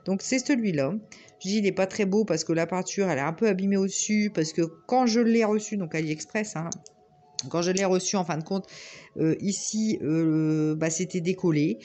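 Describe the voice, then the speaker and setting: Woman, northern French Ch'ti accent, head cold, stuffy nasal voice, sore throat, rambling casual chat, lowish pitch. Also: moderate pace, dark tone. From northern France. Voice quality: nasal, slightly hollow. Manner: hesitant, rambling with many fillers. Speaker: crafting vlogger.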